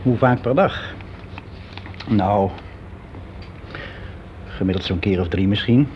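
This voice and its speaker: A middle-aged man speaks in a fairly low voice at a slow pace, over a noisy background, on a dull lo-fi radio recording. He is an actor in a radio play monologue, playing a frank, fussy man who confides about his private life. His delivery is hesitant, matter-of-fact, conversational and self-justifying, as if he were answering an interviewer.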